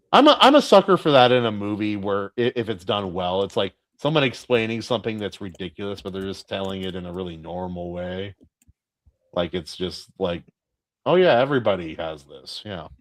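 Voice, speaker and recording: A man co-hosting a podcast in casual chat, animated, laughing often and acting out quotes. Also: lowish voice, normal speed. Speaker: podcast co-host.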